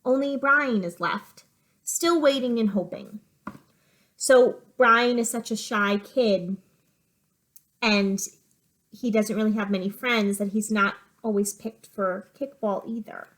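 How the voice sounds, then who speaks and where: Speaking slowly in a mid-range, slightly bright voice, a woman teacher reads a picture book aloud to young children. She explains the story in simple terms, adding asides as part of the reading lesson.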